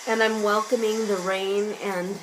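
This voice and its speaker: Hoarse woman chatting over loud rain sounds. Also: medium pitch, little pitch movement, a little slow, background noise. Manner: chatty, meandering, self-mocking. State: losing her voice, hoarse. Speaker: vlogger. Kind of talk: casual musing vlog. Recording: loud rain and thunder sounds from an app behind the voice. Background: rain and thunder ambience sounds.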